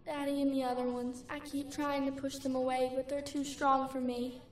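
A frightened girl trapped inside, acted by a woman for audio drama, speaks small and timid. Her high childlike voice stays flat, wrapped in echo. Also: normal speed, close to an everyday voice. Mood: scared, pleading. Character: frightened, weakened girl trapped in a possessed body. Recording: echoing, faintly noisy.

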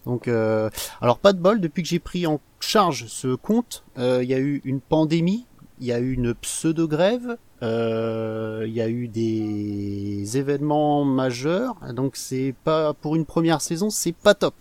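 A man's voice: mid-range voice, measured pace, no room sound. Laid-back self-mocking French man. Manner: self-mocking, relaxed storytelling. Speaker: podcast guest, baseball community manager. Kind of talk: casual chat.

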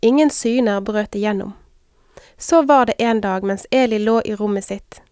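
A woman reading scripture aloud at a measured pace. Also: mid-range voice, a little mellow, clean tone, dry recording, clean studio sound. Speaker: scripture reader. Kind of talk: Bible reading.

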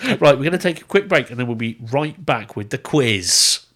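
A man's voice: medium pitch, sing-song, normal speed. A young man hosting a gaming podcast and running its quiz, bantering and chuckling with his co-hosts. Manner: bantering, chuckles between lines. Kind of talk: casual chat.

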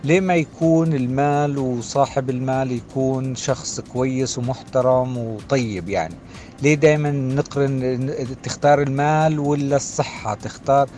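A man's voice: mid-range voice, normal speed, darkish tone, soft background music. A man speaking casually in a voice message to a radio show. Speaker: listener sending a voice message. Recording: voice message with faint background noise.

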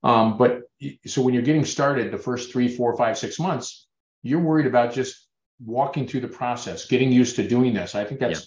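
A man's voice: medium pitch, moderate pace, a little mellow. Man, dentist, webinar talk, persuasive, echoey room, muffled sound. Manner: earnest, persuasive storytelling. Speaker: dentist presenter. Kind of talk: webinar presentation. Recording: roomy, dull webinar audio.

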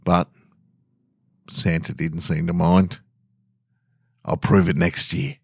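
An Australian man hosts a podcast, reading short scripted stories and making casual remarks to listeners. His low voice is level and slow, with vocal fry and a breathy edge. The recording is dry and studio quality.

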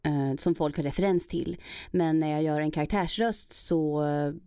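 Woman voice actor chatting casually, slightly low voice, dry close sound, jumps into high impressions. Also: fairly even intonation, mellow, smooth, no echo. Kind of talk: casual podcast interview.

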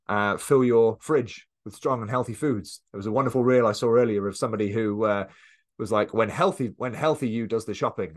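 Earnest man, slightly low voice. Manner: earnest, conversational, many fillers and restarts. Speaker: coach and podcast host. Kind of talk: motivational monologue.

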